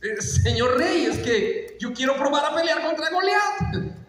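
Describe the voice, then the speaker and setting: A preacher voicing young David, high and pleading. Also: male voice, lively intonation, measured pace, fairly bright tone, heavily acted. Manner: pleading, then fervently defiant. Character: young shepherd boy David, small and bold. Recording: echoey church hall, mic far off.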